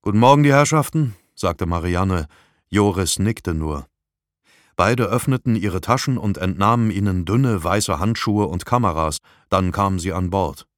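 Low-voiced man narrating a crime novel. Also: measured pace, no echo, studio quality. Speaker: audiobook narrator. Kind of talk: scripted narration.

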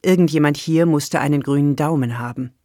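Measured novel narrator; gravelly timbre, dead-dry studio read. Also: medium pitch, dark tone, no room sound. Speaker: audiobook narrator. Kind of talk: scripted narration.

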